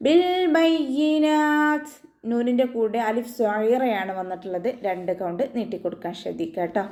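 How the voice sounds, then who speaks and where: A woman teaching the rules of Quran recitation, with patient step-by-step instruction and frequent gentle reminders. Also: mid-range voice, steady tone, quick pace. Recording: echoey room.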